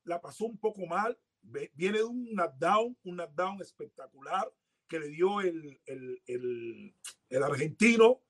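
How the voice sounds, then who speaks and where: A man's voice: on the high side, lively intonation, a little slow. A man co-hosting a casual boxing chat, talking emphatically and repeating words to drive a point home. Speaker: podcast co-host.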